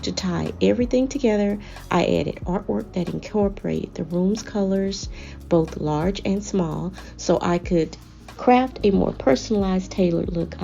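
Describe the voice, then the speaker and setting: A woman narrates a home makeover as a scripted voice-over, with measured, deliberate phrasing. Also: fairly low pitch, gravelly, mellow, dull audio. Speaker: home decor vlogger presenting a makeover. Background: background music.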